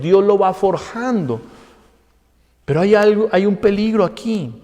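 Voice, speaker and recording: A man preaching a sermon as pastor, swinging from loud, high outbursts to hushed, low tones. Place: church sanctuary. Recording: long church hall reverb.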